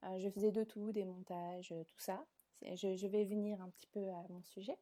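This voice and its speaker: A woman's voice: mid-range voice, little pitch movement, moderate pace, dark tone. A woman in her twenties from southern France, answering interview questions in a chatty way with frequent hesitations. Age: 20s. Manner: chatty, many filler hesitations. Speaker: guest, content creator.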